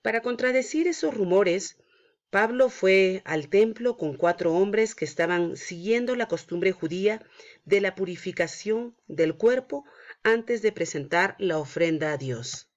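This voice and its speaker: A woman teaching a Sunday school class for children, retelling a Bible story in a calm, explaining way. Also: medium pitch, unhurried, dull audio. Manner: prays then narrates a Bible story to children.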